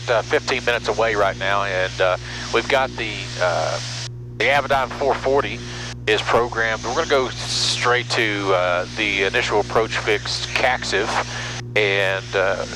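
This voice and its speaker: An American pilot who also hosts a vlog talks casually over loud engine noise, explaining things as he flies a small propeller plane. His voice sits on the low side at a normal pace. He speaks through an aviation headset mic, with the heavy engine hum and headset intercom audible.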